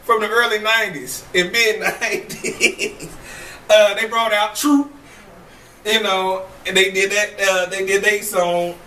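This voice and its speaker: A man's voice: high voice, steady tone, unhurried, pushed and bright. A man casually co-hosting a chat show, rambling with many fillers and laughing often. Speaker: co-host. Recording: echoey room, far from mic, faint noise.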